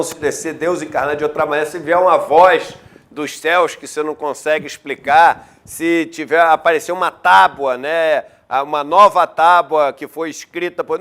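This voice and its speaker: Forceful rhetorical male news host. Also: a little high. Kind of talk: news commentary.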